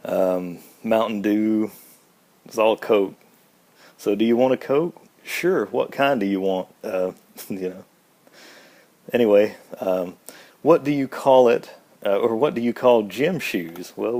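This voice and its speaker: Slow-talking Mississippi man, lowish voice. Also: a little mellow. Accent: Mississippi Southern US. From Mississippi, United States. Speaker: speaker answering an accent questionnaire. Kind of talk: casual informal word list and question answers.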